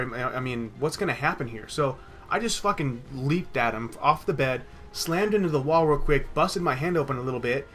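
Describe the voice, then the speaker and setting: A man's voice: fairly high pitch, a bit bright. Profane young man rambling over gameplay. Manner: rambling, profane, with many restarts. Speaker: gaming commentator. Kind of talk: casual storytelling over gameplay.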